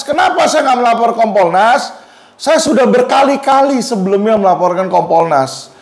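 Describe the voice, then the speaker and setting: A man giving blunt legal commentary, speaking straight to viewers in a combative, mocking way. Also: very high voice.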